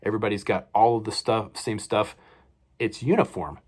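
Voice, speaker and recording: A man with a slightly low voice talks through a toy unboxing at his desk. He rambles in a casual way, stops to correct himself and fills the gaps with ums and uhs. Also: steady tone, normal speed, darkish tone, slightly rough. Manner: rambling, many fillers and self-corrections. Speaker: toy reviewer.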